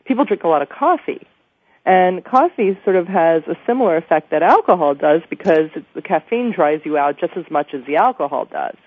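A woman's voice: on the low side, expressive, brisk, no room sound. An American woman hosting a chatty radio interview, sounding nasal and congested with a cold. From New York, USA. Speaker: radio show host. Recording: thin phone-line radio sound.

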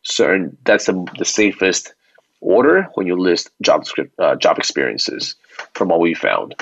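With a low, fairly bright voice, lively intonation and some vocal fry, a company founder guesting as an expert explains things at a measured pace, step by step, and checks in along the way. The interview audio is muffled, dry and lo-fi, with no echo.

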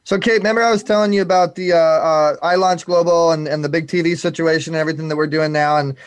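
A man's voice: a little high, steady tone, quick pace, smooth, no echo. A man hosting a live talk show, rambling and repeating words as he talks. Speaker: host.

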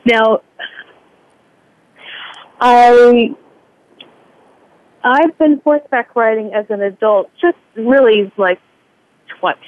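A woman's voice: fairly high pitch, slow, pauses often, a little mellow, no echo. A woman calling in to a radio show over a clipped phone line, talking hesitantly and repeating her words as she restarts. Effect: thin clipped phone line. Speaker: caller. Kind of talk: casual call-in chat. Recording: dry, tinny phone line.

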